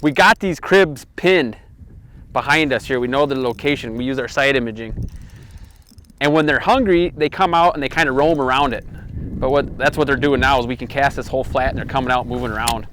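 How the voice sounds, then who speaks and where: A man narrates his fishing out on a boat on a lake, talking casually in a middle-pitched voice. He gets keyed up whenever a fish comes in. Faint wind noise hangs behind him. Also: brisk. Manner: chatty, excited when landing fish. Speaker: fishing show host. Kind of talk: casual on-the-water fishing commentary.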